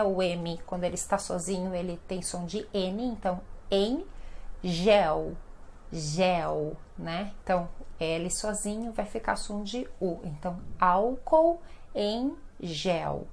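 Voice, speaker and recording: Slow, deliberate Brazilian woman teacher. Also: mid-range voice, a little mellow. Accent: Brazilian Portuguese. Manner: repeats words slowly and tags phrases with "né?" and "tá?". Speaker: Portuguese teacher. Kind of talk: slow, deliberate pronunciation lesson.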